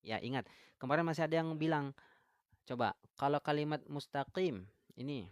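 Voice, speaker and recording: A man's voice: fairly high pitch, moderate pace, smooth, no room sound. A man with an Indonesian accent teaching Quran recitation rules on a live stream. He asks viewers questions and reads out their comments. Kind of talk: live-stream tajwid lesson. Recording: live stream, dry close mic.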